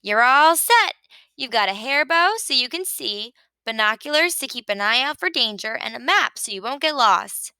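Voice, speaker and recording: A woman's voice: sits high, animated, normal speed, bright, forceful tone, smooth, dry recording, heavily acted. A woman voicing a bubbly, cocksure female sheep in a children's picture book, breezy and exclaiming. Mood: breezy, bossy. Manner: breezy, self-assured, exclaiming.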